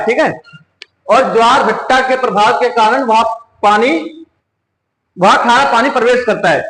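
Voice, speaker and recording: In an echoey coaching classroom, a man with a Hindi accent and a very high, slightly bright voice teaches an exam-prep lesson. He repeats each question aloud and then answers it himself.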